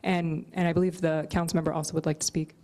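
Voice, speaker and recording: A woman chairing a community board meeting, measured and reflective, dropping in "right?" asides. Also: low voice, little pitch movement, darkish tone, slight background noise.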